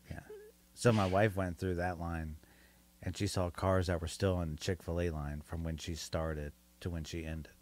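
A man's voice: sits low, level tone, a little slow, a little mellow. A man in casual chat who teases his friend and stays laid-back.

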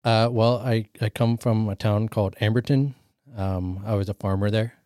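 Shy farm-boy recruit voiced by a man, halting and stammering, lowish voice, dry close sound. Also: steady tone, a little mellow, dry recording, lightly acted. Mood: nervous. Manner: hesitant, stammering. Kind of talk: improvised tabletop roleplay.

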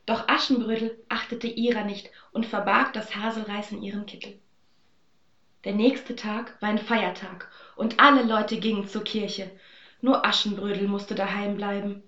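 A woman telling a fairy tale in a calm, even storytelling voice. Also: medium pitch, normal speed, roomy sound, muffled recording.

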